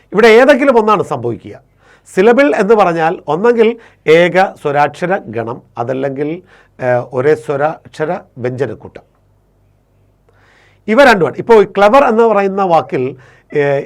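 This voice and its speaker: Male teacher, fairly high and animated voice, methodical lesson delivery with repetitions and self-corrections. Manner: explains step by step, repeats and self-corrects; slows and stretches English rule sentences. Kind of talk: explaining an English grammar lesson.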